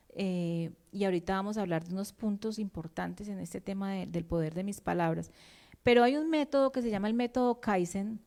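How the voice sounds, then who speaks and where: Woman, psychologist, warm mellow tone, conversational explaining. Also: medium pitch. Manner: conversational, explaining, addresses listeners directly. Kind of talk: talk on emotional health.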